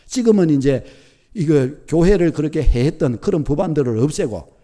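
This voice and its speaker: A middle-aged man preaching a sermon as pastor, telling a story with lively acted-out quotes. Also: a little high, fairly quick. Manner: animated storytelling, acting out quoted thoughts.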